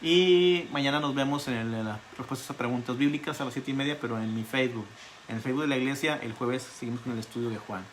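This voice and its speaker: A male pastor giving an online Bible study sermon, telling stories in an animated way and repeating words for emphasis. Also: mid-range voice, quick pace, a little hiss or hum. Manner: animated storytelling with emphatic repetition.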